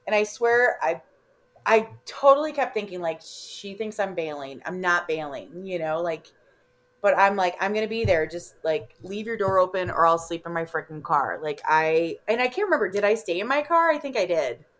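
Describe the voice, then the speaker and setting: A woman with a Chicago accent telling a story in casual chat, animated, laughing often and swearing freely. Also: medium pitch, normal speed. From Illinois. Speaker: podcast guest.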